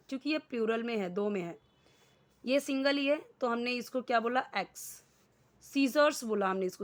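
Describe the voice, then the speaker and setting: A woman teaching an English grammar lesson in Hindi, explaining each word and asking and answering her own questions. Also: fairly high pitch.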